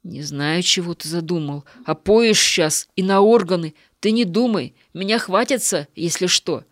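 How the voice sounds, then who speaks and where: A woman's voice: fairly low pitch, no room sound, studio quality, natural voice. A woman voicing a ragged old beggar man. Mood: wary. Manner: mumbling, hurried and evasive. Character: ragged old male beggar, meek and wary.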